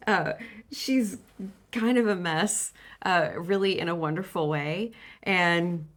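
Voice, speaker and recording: Chatty woman with a lowish voice. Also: a bit bright. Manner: chatty, many fillers and restarts, laughs often. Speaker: book vlogger. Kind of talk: casual book chat.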